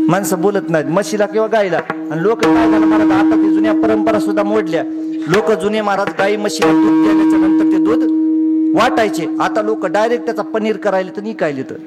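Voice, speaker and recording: A man preaching a comedic devotional kirtan, telling lively stories and often calling out to the crowd. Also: high-pitched. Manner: animated storytelling, acting out each character; often addresses the crowd as maharaj and baba.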